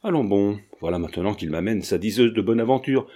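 A man reading the lines of a proud gentleman painter in an audiobook, stern and exasperated. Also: on the low side, brisk, breathy edge.

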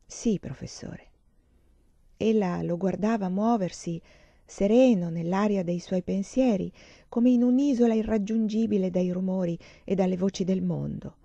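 A woman reading a novel aloud in a calm, measured way. Her voice is dark and mellow, recorded dry and slightly dull. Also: medium pitch, creaky, dry recording. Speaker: audiobook reader.

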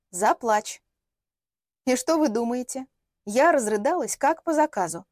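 A woman reading a first-person story aloud as an audiobook, with lively storytelling. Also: fairly high pitch, no room sound, studio quality. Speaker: audiobook reader.

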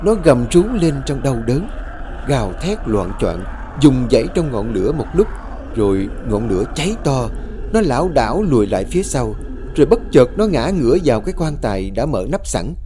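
Lively warm-voiced male horror narrator. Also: mid-range voice, fairly quick, slight background noise. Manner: dramatic, tense storytelling with rising and falling intensity. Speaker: storyteller. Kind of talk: scripted horror story narration. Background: faint background music.

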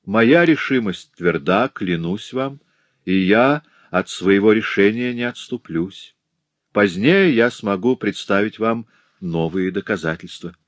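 A man's voice: lowish voice, animated, a little slow, dry recording. A man voicing a remorseful, devoted young noble wife in an audiobook, speaking earnestly and pleadingly. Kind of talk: audiobook reading.

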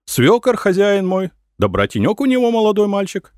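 A man's voice: high voice, wildly swooping pitch, moderate pace, a little mellow, clear, resonant tone, no echo, clean studio sound, voice pushed up. A man voicing a plain-spoken peasant woman at a village inn, with a drawling folk way of talking. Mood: chatty.

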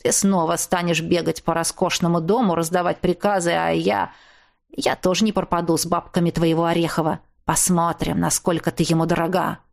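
A woman's voice: fairly low pitch, little pitch movement, creaky, voice pushed down. A woman putting on a crude, menacing ex-husband. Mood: smug. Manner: coarse, mocking, slow menacing delivery. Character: crude threatening male ex-husband kidnapper.

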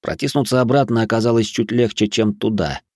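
Man narrating an audiobook, steady storytelling, low voice, dry close sound. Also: brisk, no echo. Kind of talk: scripted narration.

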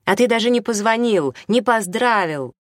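An audiobook narrator voicing a brusque, domineering older woman who scolds loudly in a high, raised voice. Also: animated, normal speed, no echo, studio quality, natural voice. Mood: scolding. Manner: shrill, scolding, loud.

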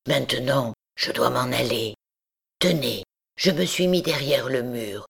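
A woman voicing a deformed, deaf hunchbacked man, speaking in a rough voice kept very soft and half-whispered. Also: a bass voice, unhurried, a crowd in the background, full character voice. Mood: gentle timid. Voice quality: rough voice spoken very softly. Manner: hushed, half-whispered pleading. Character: deformed deaf hunchbacked male bell-ringer, timid and sorrowful.

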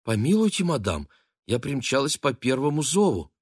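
A man's voice: mid-range voice, big pitch swings, normal speed, slightly rough, no room sound, studio quality, pitched above the performer's own voice. A man playing a flustered young girl. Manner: timid, bewildered. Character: shy, flustered young woman ward.

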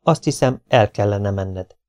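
A man voicing a distraught mother who shouts at her husband and protects her son. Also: on the low side, expressive, natural voice. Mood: soothing. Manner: shouting, soothing. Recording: dull lo-fi recording.

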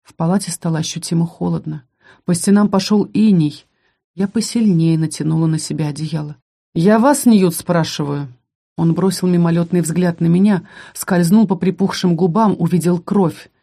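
Mellow audiobook narrator, calm reading. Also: medium pitch, normal speed, creaky. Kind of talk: first-person audiobook narration.

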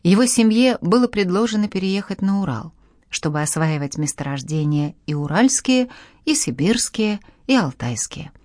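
A woman reading a historical novel aloud as an audiobook narrator, with steady, even storytelling. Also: fairly low pitch, moderate pace, no echo, studio quality. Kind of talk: scripted narration.

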